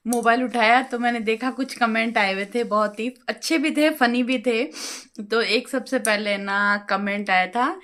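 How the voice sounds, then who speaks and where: A middle-aged woman vlogger chatting at home, talkative and quick with her words. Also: a little high, a bit bright. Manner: talkative, fast-talking. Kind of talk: casual home vlog chat. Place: home, balcony and kitchen.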